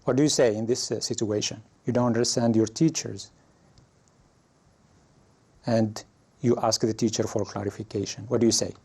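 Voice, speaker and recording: A man teaching an English lesson, explaining situations slowly and raising his pitch when he reads example phrases. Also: steady tone, a little mellow, slightly rough.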